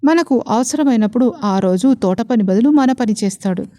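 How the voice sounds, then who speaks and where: A calm, clever young wife from a storybook romance, patient and gently persuasive, as a woman narrator voices her. She explains things softly and steadily, never raising her voice. Her tone is fairly high and mellow. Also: normal speed, natural voice.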